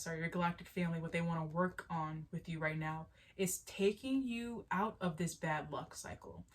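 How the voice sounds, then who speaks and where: A young woman with a stuffy nose giving a casual, earnest tarot reading, rambling with restarts and little laughs. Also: fairly low pitch. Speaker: spiritual tarot reader. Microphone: solo video to camera.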